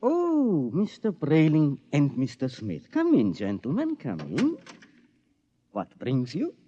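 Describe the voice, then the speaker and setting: Timid apologetic puppet maker, high fussy voice, old radio play with some hiss. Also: male voice, huge pitch swings, slow, warm tone, highs cut off, exaggerated voice. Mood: welcoming. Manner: hesitant, flustered, polite. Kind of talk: 1950s radio drama acting. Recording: noisy vintage radio recording.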